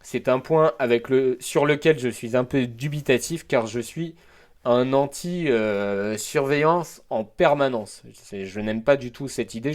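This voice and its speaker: A man talks alone on his educational podcast, reading from prepared notes. He breaks off now and then with hesitant asides and fillers. His voice sits in a middle pitch. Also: darkish tone. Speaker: teacher and podcast host. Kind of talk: solo educational podcast monologue.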